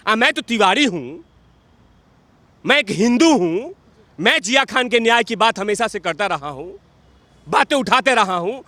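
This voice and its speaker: Combative high-voiced man, dry sound. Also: bright, forceful tone, dry recording. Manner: combative, mocking, repeats phrases for emphasis. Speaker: political commentator. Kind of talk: heated political commentary.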